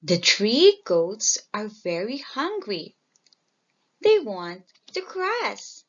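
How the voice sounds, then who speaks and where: A woman slowly and clearly reading a simple children's story aloud as a storyteller. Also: medium pitch, big pitch swings, fairly bright tone, dull audio. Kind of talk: slow storybook reading for learners.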